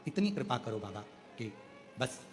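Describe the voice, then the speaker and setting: A man voicing a soft-spoken pleading demon. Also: sing-song, measured pace. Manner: soft and low, devotional pleading. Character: male demon Tarakasur, humble and pleading. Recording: long hall reverb with music.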